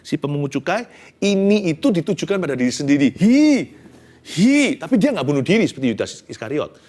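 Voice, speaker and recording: Animated male preacher. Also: fairly high pitch, fast talker. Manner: animated, conversational preaching with dramatic quotes. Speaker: pastor. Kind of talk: sermon.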